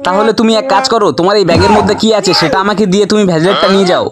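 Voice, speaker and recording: A man's voice: sits high, steady tone, racing, over a noisy crowd, natural voice. A man playing a sly old grandfather trickster in a comic cartoon, with a wheedling salesman's patter. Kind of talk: comic cartoon story dialogue.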